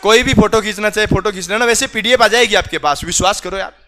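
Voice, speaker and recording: A man teaches a reasoning class in a classroom. His voice sits high and bright, and he teases the students and pushes them to answer out loud. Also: quick pace, soft background music. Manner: teasing, scolds students for not answering. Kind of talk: classroom lecture.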